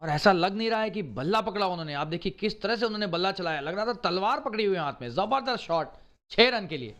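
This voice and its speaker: Excited high-pitched male cricket commentator. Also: fast. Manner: exclaiming in short, emphatic bursts of praise.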